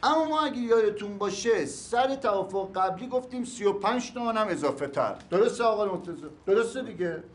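A man's voice: high voice, animated, few pauses. An actor playing a hot-tempered man who fawns, then turns angry and pushy over his inheritance. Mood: coaxing. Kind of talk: TV series acting.

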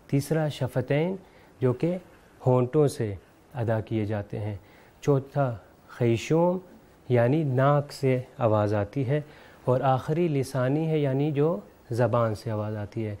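A man hosting a televised lesson, explaining Arabic pronunciation in a measured way and saying letters out slowly to demonstrate. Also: mid-range voice, dark tone. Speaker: Quran recitation teacher and show host.

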